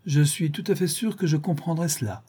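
Male reader as a witty young aristocrat, amused and paradoxical; dark, husky tone. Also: a little high, fairly quick, voice pushed up. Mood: teasing. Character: witty cynical English aristocrat, young man.

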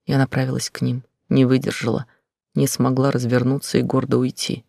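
A man narrating a first-person novel in a quiet, intense, often whispered delivery. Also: medium pitch, monotone, a little fast, vocal fry, no echo, clean studio sound. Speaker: audiobook narrator.

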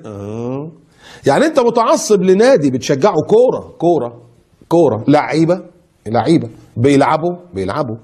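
A middle-aged Egyptian preacher man with a husky, slightly high voice. He talks in a lively colloquial way, jumping between loud mocking bursts and slow, drawn-out emphasis. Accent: Egyptian Arabic. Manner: animated, mocking imagined critics, sudden swings of pitch and pace. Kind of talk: colloquial sermon.

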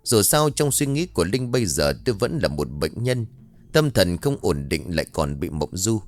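Male storyteller for a ghost tale, low voice, very animated delivery. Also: moderate pace, no room sound. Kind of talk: scripted narration of a ghost story.

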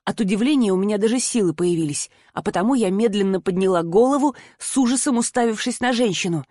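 Woman narrator for a first-person story read, expressive, mid-pitched, dry close recording. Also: fast talker, husky, no room sound. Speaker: audiobook narrator.

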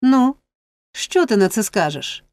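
A woman's voice: on the high side, sing-song, a little slow, a little mellow, dry recording, voice pushed up. A woman voicing a sly old male thief boss who talks in a sneering, mocking way. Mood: mocking menace.

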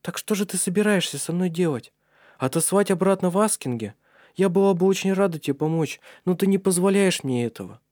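An anxious young woman in love pleads and frets in a storybook reading, as a man voices her. Her lines sit well above the reader's usual pitch, emotional and trembling. The sound is dry and close. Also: animated, brisk, a little mellow, no echo. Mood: pleading.

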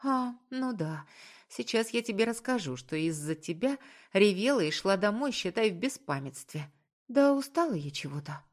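A woman's voice: mid-range voice, lively intonation, moderate pace, voice pushed up, close to an everyday voice. A woman reading a story, voicing a young village woman who is frightened and emotional. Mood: flustered.

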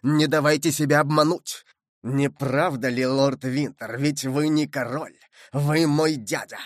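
A man's voice: on the high side, fairly even intonation, unhurried, no echo, clean studio sound, natural voice. A man reading a vengeful, taunting young villain.

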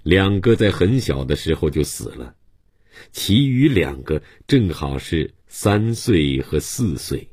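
A man narrating a literary novel as an audiobook in a calm, measured storytelling manner. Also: low voice, husky, no echo, studio quality.

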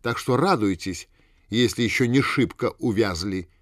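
Jealous young ex-lover in a screaming rage, voiced by a man, pitch pushed up and loud, dry booth sound. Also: a little slow, no room sound, lightly acted. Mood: furious, hysterical. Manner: shouting insults, hysterical.

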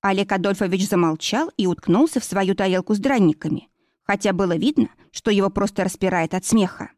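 A woman reading a novel aloud as narrator, even and expressive. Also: medium pitch, fairly quick, dry recording, clean studio sound. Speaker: audiobook narrator. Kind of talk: scripted narration.

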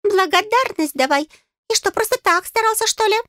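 A woman voicing a tiny male fairy in an audiobook, squeaky, pompous and greedy, with a bossy, indignant manner. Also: expressive, moderate pace, a bit bright, dry recording, studio quality. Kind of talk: audiobook character voice.

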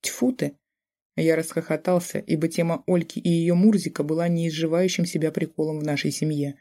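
An audiobook narrator reading a first-person novel in a steady, matter-of-fact way. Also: medium pitch, brisk.

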